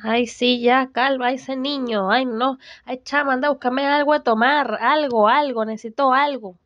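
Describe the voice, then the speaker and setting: A woman's voice: high-pitched, steady tone, fairly bright tone, dry recording. A young woman with a Venezuelan accent playing a chatty, gossipy young mother who sighs theatrically and drags out her complaints. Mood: dramatic. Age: young adult. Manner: drawn-out, theatrical, sighing "ay" complaints. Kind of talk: comedic student film acting. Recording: dull, dry, lo-fi.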